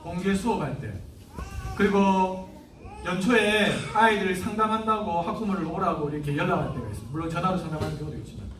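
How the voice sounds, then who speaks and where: High-voiced pastor in an echoey hall. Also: male voice, quick pace, distant mic, slight background noise. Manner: animated, acts out parents and teachers in quoted voices. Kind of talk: sermon. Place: church hall.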